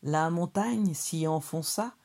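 A woman reading a children's story aloud in a calm, measured way. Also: low-pitched, creaky. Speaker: storybook reader.

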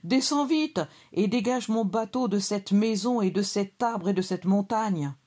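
A woman's voice: medium pitch, a little slow, a little mellow, pitched above the performer's own voice, close to an everyday voice. A woman voicing a small, impatient young boy mouse who calls out urgently and demands help.

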